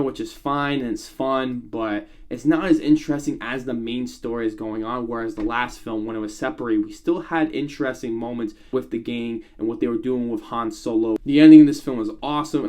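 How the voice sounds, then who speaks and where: A man in his thirties giving a chatty, animated film review, with bursts of enthusiasm and frequent fillers. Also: mid-range voice.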